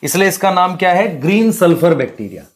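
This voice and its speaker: A male biology teacher with a voice that sits high explains at the board, speaking a little fast with big swings in pitch. He quizzes the class with rhetorical questions and calls his students beta and bhai.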